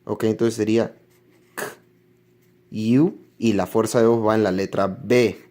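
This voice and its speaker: A man's voice: fairly low pitch, fairly even intonation, unhurried, a little mellow. A man teaching English pronunciation in a classroom-style lesson, explaining patiently and repeating each example word several times.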